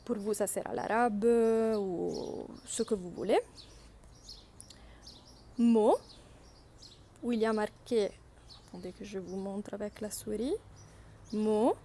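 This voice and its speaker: This workshop leader, a native Italian speaker, demonstrates an app click by click for her learners, hesitating slightly as she goes. She talks slowly with frequent pauses in a mellow, medium-pitched voice, and a little hiss or hum can be heard.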